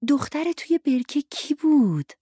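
A woman doing an eager little girl with a high voice. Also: sing-song, mellow, dry recording, clean studio sound. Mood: curious. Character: excited little girl asking questions.

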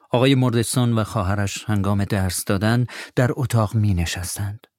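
Guy reading a storybook, calm and even, lowish voice, dry close mic. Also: no echo. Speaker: narrator. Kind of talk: scripted storybook narration.

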